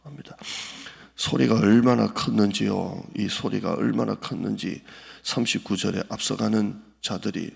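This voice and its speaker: A man preaching a dawn prayer sermon as pastor, retelling scripture with acted voices and rising to loud pleading. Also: on the low side, fairly even intonation, normal speed, vocal fry, slightly rough. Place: church sanctuary. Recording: echoey church hall.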